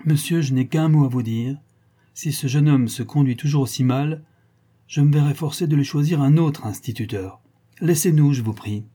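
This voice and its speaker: A man's voice: mid-range voice, moderate pace, dark tone, breathy edge, close to an everyday voice. A man voicing a stern aristocratic father, a baron, who speaks in a commanding, reproachful way.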